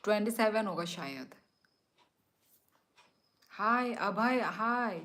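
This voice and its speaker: A woman's voice: medium pitch, expressive, slow, a bit bright. A young woman hosting a live stream, chatting casually and teasingly with viewers as she reads their comments, laughing often. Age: young adult.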